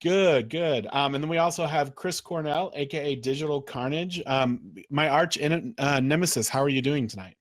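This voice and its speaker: A man's voice: on the high side, normal speed, few pauses. A man hosting an online board game show, introducing the players in a playful, joking way. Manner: playful, laughs often. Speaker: show host.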